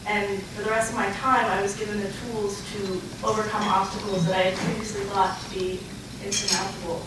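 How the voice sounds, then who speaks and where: A young adult woman giving an earnest, prepared acceptance speech as an award recipient, halting with pauses as she goes. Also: medium pitch, little pitch movement. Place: large echoey room, live event. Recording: echoey, noisy room, distant mic.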